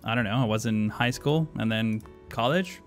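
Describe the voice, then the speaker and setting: This man from Argentina is live-streaming a city-building game, his medium-pitched voice moving at a normal pace over faint background music. He thinks out loud with lots of filler words and answers chat questions while playing.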